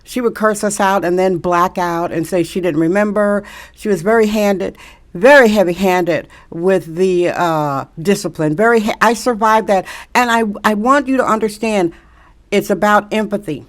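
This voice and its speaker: A woman's voice: mid-range voice, moderate pace. Middle-aged woman preaching to her viewers, keeps asking are you listening, pushy and emphatic. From Milwaukee, Wisconsin. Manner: preachy, emphatic, repeats rhetorical questions. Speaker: social media commentator. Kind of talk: direct-to-camera monologue.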